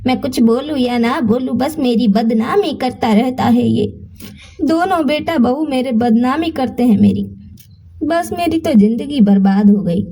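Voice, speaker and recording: A woman voicing a bitter older mother-in-law who taunts and complains in a shrill, self-pitying way. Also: measured pace, mellow, husky, far from the mic, exaggerated voice. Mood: accusing.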